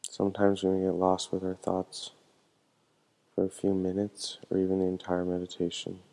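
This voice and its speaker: Calm and measured, a man with a low, mellow voice gives meditation instructions, his pitch staying very flat and even. He speaks gently as a meditation teacher, with vocal fry and a soft-edged tone on a low-quality recording.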